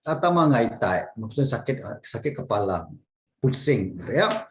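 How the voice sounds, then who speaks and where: A man's voice: medium pitch, big pitch swings, moderate pace, slight background noise. A man teaching a casual online Japanese class, patiently repeating words for his students to echo.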